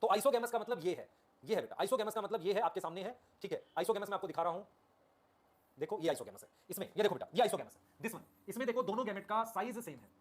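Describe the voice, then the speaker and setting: Male biology tutor, live online class, very fast talker, constantly checks understanding, repeats terms, fairly high voice for a man. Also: animated. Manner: addresses students affectionately as children; repeats key terms over and over. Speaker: biology teacher.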